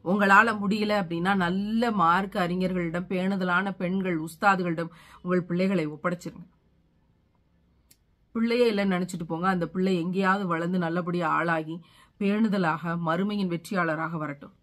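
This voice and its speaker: A woman's voice: on the low side, fairly even intonation, moderate pace, fairly bright tone. A middle-aged woman giving an impassioned sermon, pleading with her listeners and building repeated phrases to fervent peaks. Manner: pleading, rising to fervent emphasis; repeats phrases for rhetorical force. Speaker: religious speaker.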